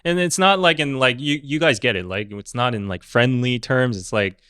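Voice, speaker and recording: A man in his thirties hosting a casual podcast chat, laid-back and quick to laugh, reading out survey figures. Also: medium pitch, sharp tone, clear, resonant tone, dry recording, studio quality. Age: 30s. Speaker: podcast host.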